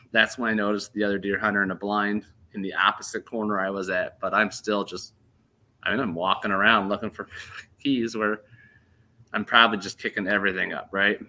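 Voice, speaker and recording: A man in his thirties casually telling a hunting story on a podcast, animated and laughing as he goes. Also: lowish voice, brisk. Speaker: podcast host.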